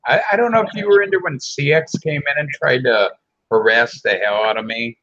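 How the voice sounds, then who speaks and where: A man's voice: medium pitch, fairly quick, a bit bright, highs cut off. A man hosting a casual late-night live show over a video call, with easygoing, joking banter. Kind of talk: casual livestream chat.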